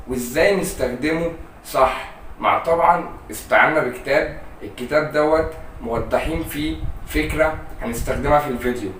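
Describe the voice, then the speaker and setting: Male video host, Egyptian Arabic accent, very quick conversational delivery, slightly high pitch, casual explainer style. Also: a bit bright, roomy sound, recorded from a distance, a little hiss or hum, poor audio. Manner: conversational, rhetorical questions answered himself. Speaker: YouTube host.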